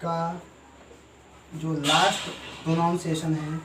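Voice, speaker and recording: दूर से गूँजती आवाज़ में पढ़ाता शिक्षक. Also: male voice, on the high side, little pitch movement. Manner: explains slowly, asks and answers his own questions. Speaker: teacher. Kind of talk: classroom grammar lesson. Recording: echoey room, voice from far off, faint noise.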